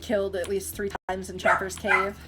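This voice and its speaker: A young woman talks her way through a game in a casual, chatty way. She reads the on-screen text aloud, laughs often and reacts freely as she plays, with a mid-range voice that is neither high nor low. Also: little pitch movement, normal speed, very noisy. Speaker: gamer streamer. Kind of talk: casual let's-play commentary.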